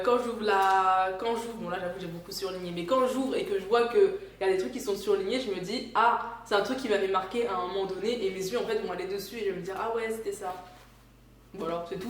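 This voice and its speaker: Chatty young woman in an echoey room. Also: mid-range voice. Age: 20s. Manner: chatty, self-correcting, with fillers. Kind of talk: casual chat to camera. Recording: echoey room with faint background noise.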